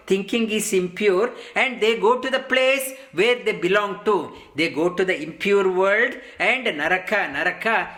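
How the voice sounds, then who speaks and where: Bright, high-voiced teacher. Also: male voice, roomy sound. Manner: leads Sanskrit verses line by line, then explains with many fillers and restarts. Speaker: yoga teacher. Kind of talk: verse-by-verse scripture lesson.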